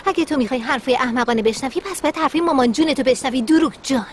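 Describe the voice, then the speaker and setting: A woman's voice: high-pitched, a little hiss or hum, lightly acted. A woman dubbing a young woman who complains sarcastically about her boyfriend's mother. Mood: exasperated. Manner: exasperated, sarcastic. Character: young woman, exasperated girlfriend.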